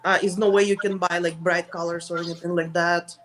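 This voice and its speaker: A little hiss or hum sits under a lowish, slightly bright female voice with flat delivery. She is a middle-aged interview guest from Russia, Soviet Union, answering casually in accented, non-native English and pausing to find words.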